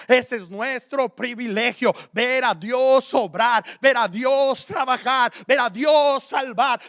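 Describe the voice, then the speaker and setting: Bright-voiced preacher. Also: male voice, extremely high pitch, no echo, clean studio sound. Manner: swings from loud emphatic preaching to quiet asides. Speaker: pastor. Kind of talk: sermon.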